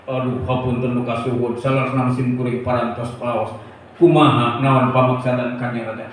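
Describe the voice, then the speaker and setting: A man voicing a humble royal minister who speaks softly, low and submissively. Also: flat delivery, moderate pace, a little hiss or hum, lightly acted. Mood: deferential. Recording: echoey room, distant mic.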